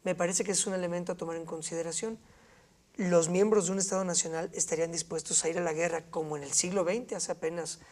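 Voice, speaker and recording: A woman speaking as an academic panelist, measured and explanatory. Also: on the low side, steady tone, darkish tone. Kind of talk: panel discussion.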